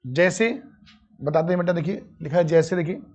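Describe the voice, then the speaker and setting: A man's voice: on the high side, brisk, slightly rough. A man teaching grammar in a live online class, calling his students "beta" and answering his own questions. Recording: dull lo-fi audio.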